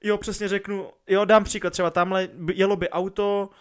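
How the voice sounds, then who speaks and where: Man, 20s, casual chat, slangy, high voice. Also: level tone. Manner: slangy, swearing, laughs often.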